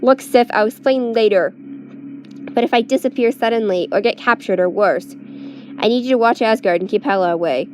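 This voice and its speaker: A woman's voice: on the high side, fairly quick, a little hiss or hum, voice pushed up, close to an everyday voice. A woman reading a story aloud, voicing a scheming young male trickster prince who explains himself earnestly in slightly formal speech. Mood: commanding.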